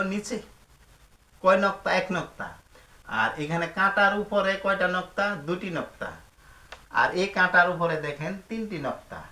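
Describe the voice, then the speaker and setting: In a room with noticeable echo, a man teaches the pronunciation of Quran letters in a slow, repetitive, step-by-step way. His fairly high voice sounds pushed and bright as he patiently repeats each sound and puts questions to his pupils.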